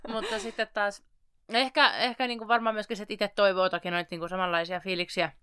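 A woman's voice: mid-range voice, fairly even intonation, pushed and bright, clear, resonant tone, dry recording. Young woman cohost chatting loosely, lots of fillers, dry close mic. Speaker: podcast co-host. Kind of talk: casual chat.

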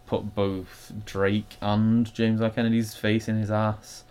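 A man's voice: lowish voice, level tone, slow pace, darkish tone, slight background noise. A man co-hosting a wrestling podcast, chatting casually, laughing often and swearing freely. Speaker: podcast co-host reviewing wrestling. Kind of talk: casual chat.

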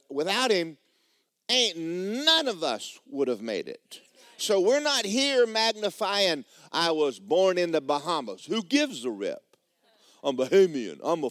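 Lively-voiced preaching pastor, dry close sound. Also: male voice, dry recording. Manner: emphatic preaching with swooping pitch and sudden shouts; slow, drawn-out phrasing, dropping low and quiet at line ends. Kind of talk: sermon. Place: church.

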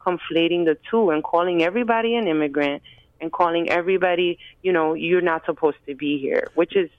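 Fairly quick and lowish in voice, an American woman appears as an activist guest in a phone interview, heard without echo on a tinny line. Her explanations are earnest and methodical, with points set out in groups.

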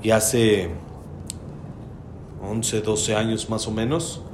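A man's voice: on the low side, little pitch movement, very slow, background noise. A man, a religious teacher telling a heartfelt, emphatic story in a sermon. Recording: roomy hall with faint background ambience.

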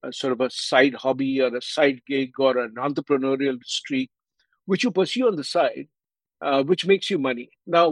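A man with an Indian English accent, a guest author giving measured explanations in an interview. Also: on the high side, breathy edge, dry recording, rough recording. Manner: measured, explanatory, with frequent fillers.

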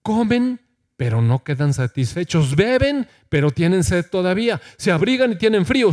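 A man's voice: sits high, darkish tone. A middle-aged man preaching a sermon in a church, reading scripture aloud and asking the congregation questions. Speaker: pastor.

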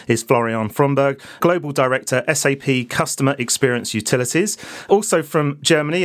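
A man hosts a podcast, reading his introduction from a script and then putting questions to his guests. He has a clear presenter delivery at an average pitch for a man. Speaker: podcast host.

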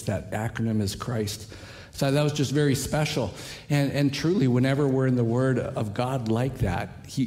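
Pastor with a strained, fading voice. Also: male voice, mid-range voice, mellow. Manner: chatty, storytelling, self-deprecating. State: losing his voice. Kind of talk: sermon. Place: church sanctuary.

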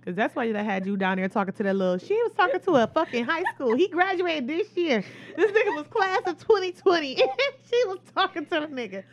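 A woman's voice: high-pitched, big pitch swings, a little fast, few pauses, highs cut off, a little hiss or hum. A woman co-hosting a casual chat, speaking in in a blunt, playful way with frequent laughter. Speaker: podcast co-host.

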